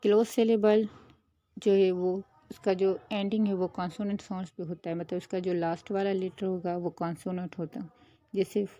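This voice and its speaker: Woman teaching in a mellow voice. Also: medium pitch, no echo, highs cut off. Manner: steady explanatory, mixing English terms into Hindi. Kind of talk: explaining a lesson.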